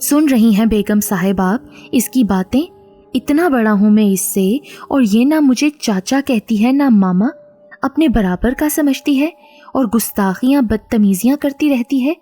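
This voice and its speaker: A woman's voice: on the high side, measured pace, mellow, soft background music. A woman reading the part of a touchy middle-aged male servant who complains indignantly.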